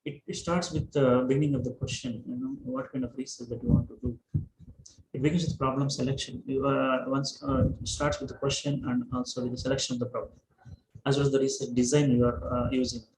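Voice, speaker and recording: A man's voice: medium pitch, fairly even intonation, fairly quick, darkish tone. A man giving an online lecture, speaking hesitantly with many fillers and restarts. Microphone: microphone held away at first. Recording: echoey room, noisy line.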